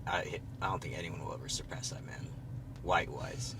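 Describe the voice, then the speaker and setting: A man co-hosting a podcast in casual chat, teasing his guest with quick questions and laughing easily. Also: deep voice, fairly even intonation, background noise. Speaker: podcast co-host.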